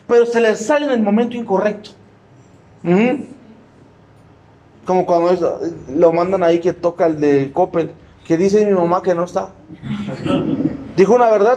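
A man preaching in a church, his voice sitting very high. He is emphatic and humorous, quizzing the congregation with yes-or-no questions and mimicking people in asides. A faint noise runs under the recording. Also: dark tone. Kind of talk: sermon.

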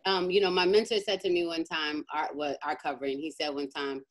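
A woman's voice: low-pitched, flat delivery, fairly quick. A woman pastor leading an online teaching and prayer, emphatic and fervent, often checking in with her listeners. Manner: emphatic, keeps asking "right?", fervent in prayer. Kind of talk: informal teaching then spoken prayer.

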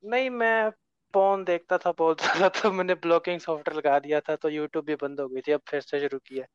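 A man's voice: a little high, fairly even intonation, fairly quick, clear, resonant tone, no echo. A male caller speaking hesitantly, his audio breaking up and cutting out over a call. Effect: choppy, breaking-up call audio. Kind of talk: casual call-in chat. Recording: lo-fi dull call line.

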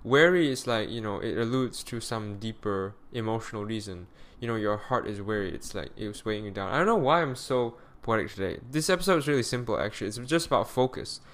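A man's voice: fairly low pitch, expressive, fairly quick, hardly any pauses, fairly bright tone. Weary-voiced man rambling on his podcast. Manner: rambling, self-correcting, with frequent fillers. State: tired, weary voice. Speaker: podcast host. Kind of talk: solo podcast monologue.

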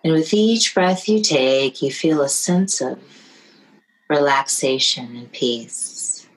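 A woman leading a guided meditation in a slow, soothing, hushed way, often dropping to a near whisper. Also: sits low, husky, poor audio.

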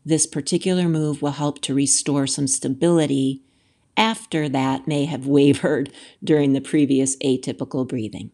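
A woman instructor leading a yoga and breathwork class in a gentle, measured way, leaving pauses between short instructions. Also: extremely low pitch, steady tone.

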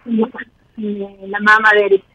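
A woman's voice: mid-range voice, fairly even intonation, takes it slowly, bright, forceful tone, dry recording. A woman caller, speaking hesitantly with many fillers through a distorted wireless headset on a phone call. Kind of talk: call-in conversation.

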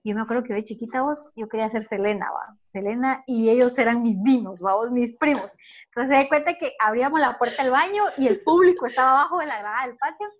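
A woman's voice: fairly high pitch, quick pace, highs cut off. A woman with a Guatemalan accent reminiscing in casual chat, full of filler tags. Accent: Guatemalan Spanish. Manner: chatty, peppers speech with "va" and "vos".

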